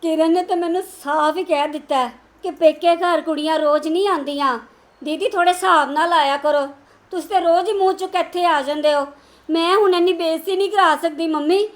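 A hurt married daughter, played by a woman, complains through tears. Her voice is very high and aggrieved, in a homemade family drama. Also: fairly even intonation, brisk. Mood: tearful. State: crying.

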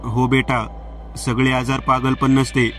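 A man reading the part of a worried mother soothing her grown daughter, calm and plain. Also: mid-range voice, unhurried, faint music behind, natural voice.

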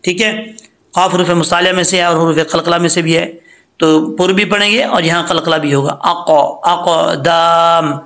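A man teaching recitation rules patiently, step by step, and chanting slow examples. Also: high-pitched, steady tone, fairly bright tone. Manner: patient, explains step by step, then chants slowly. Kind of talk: tajweed lesson with recited examples.

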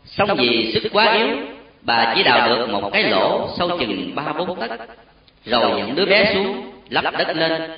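A man narrating a solemn story with an expressive, emotional delivery. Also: a little high. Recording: very echoey, distant, dull lo-fi sound.

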